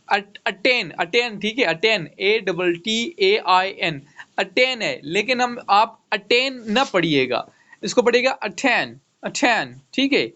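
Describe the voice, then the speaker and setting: A man's voice: sits high, bright, forceful tone. A man teaching an online English vocabulary lesson, spelling each word letter by letter and saying "okay" again and again. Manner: spells words letter by letter, repeats "okay" often. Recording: dull lo-fi online class audio.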